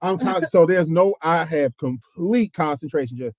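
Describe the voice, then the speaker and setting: A man's voice: fairly high pitch, normal speed, dry recording. A man co-hosting a gospel podcast, telling funny stories in a casual chat and acting out the people he quotes. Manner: animated storyteller who acts out quotes. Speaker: podcast co-host.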